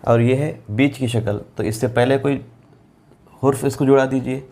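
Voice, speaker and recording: Guy teaching quran letters on a board, patient, says each letter name slow and repeats it, normal mid voice. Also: medium pitch, fairly even intonation, a little mellow. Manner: patient, repetitive, drawing out letter names slowly. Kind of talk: board lesson explaining Arabic letters.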